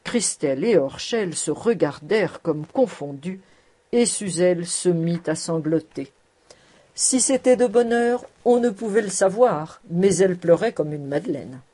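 A woman narrating a classic novel aloud in a measured, expressive reading. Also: fairly low pitch, breathy edge. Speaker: audiobook narrator. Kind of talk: scripted narration.

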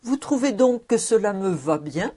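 A woman's voice: medium pitch, big pitch swings, normal speed, warm tone, voice pushed up. Woman reading as a dapper cheerful man. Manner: cheerful, inviting.

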